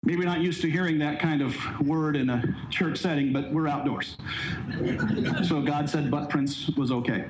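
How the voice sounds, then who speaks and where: Man preaching outdoors with lively emphasis. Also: a little high, moderate pace, roomy sound, heavy background noise. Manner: storytelling, acts out quoted voices, emphatic. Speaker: pastor. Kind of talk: sermon.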